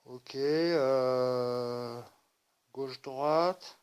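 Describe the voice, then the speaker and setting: A man's voice: medium pitch, extremely slow, darkish tone. A man hosting an unboxing video, chatting casually and jokingly straight to his viewers. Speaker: RC hobby channel host. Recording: noisy home recording.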